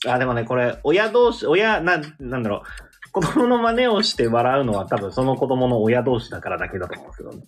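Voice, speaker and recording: A man's voice: mid-range voice, animated, quick pace. A man chatting casually on a podcast over an online call, plainly shrugging off requests. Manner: matter-of-fact, shrugs off requests. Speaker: podcast co-host. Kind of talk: casual chat.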